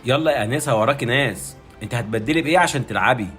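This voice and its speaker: Gruff, curt male attendant, put on by a woman, Egyptian, deep and fast. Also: over music. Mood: impatient. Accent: Egyptian Arabic. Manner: curt, dismissive.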